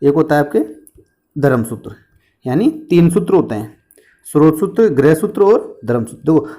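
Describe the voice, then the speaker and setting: A man's voice: a little high, mellow. A man teaching an exam-prep history lesson, asking questions and answering them himself, with memory tricks and jokes.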